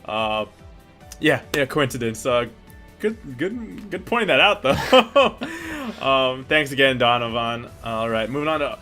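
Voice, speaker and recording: Young male co-host, bright tone, relaxed rambling chat, faint music bed. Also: medium pitch, unhurried. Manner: laid-back, rambling, lots of fillers and laughs. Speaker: channel co-host. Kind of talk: casual chat, answering viewer questions.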